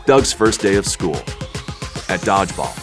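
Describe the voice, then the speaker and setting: A man reading the stage directions in a table read, dry and unhurried. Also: sits low, very animated, music in the background.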